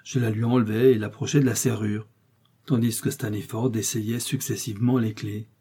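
A man reading a story aloud in a measured, suspenseful narration. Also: fairly low pitch, level tone, mellow, breathy edge. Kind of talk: scripted audiobook narration.

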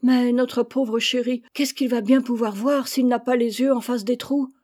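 A woman's voice: fairly high pitch, fairly even intonation, unhurried, darkish tone, pitched above the performer's own voice. Woman doing a fretful mother bird. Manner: lamenting, tender. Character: worried, tender mother titmouse bird.

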